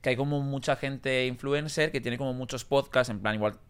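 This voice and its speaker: A man co-hosts a podcast in a relaxed, agreeable way, with many filler phrases. His voice is smooth and clear at a middle pitch. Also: a little fast. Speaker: podcast co-host. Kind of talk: casual podcast chat.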